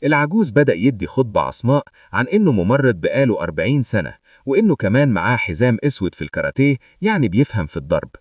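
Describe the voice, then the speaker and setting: A man with an Egyptian Arabic accent, narrating a manga story recap as a lively, joking storyteller. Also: medium pitch, dry recording, clean studio sound, distant mic.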